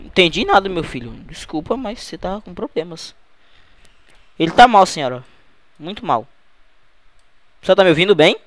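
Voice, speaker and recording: High, lively Brazilian prank caller. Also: male voice, moderate pace, pauses often, dry recording. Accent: Brazilian Portuguese. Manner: feigning a frantic, worried father. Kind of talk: prank phone call.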